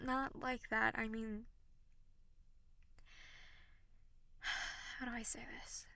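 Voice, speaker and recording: A young woman playing a snappy tsundere tutor in an audio role-play, who goes from sharp scolding to halting, breathy, remorseful near-whispers. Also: fairly high pitch, no room sound, heavily acted. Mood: tender, halting.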